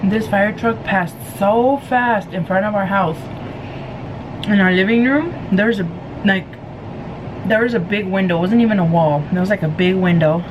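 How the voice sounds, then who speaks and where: A woman telling a story casually to viewers in an animated, giggly way, acting out what people said. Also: medium pitch, normal speed, background noise. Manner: giggly, animated retelling with acted-out quotes. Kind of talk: casual storytelling chat to camera.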